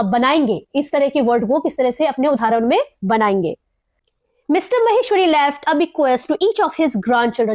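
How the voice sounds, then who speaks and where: Indian lady teacher going over vocab, high voice, dry close sound, repeats stuff slow. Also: a little mellow, no room sound. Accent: Indian English. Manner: explains slowly, repeats words and spells out pronunciation. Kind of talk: Hindi-English vocabulary lesson.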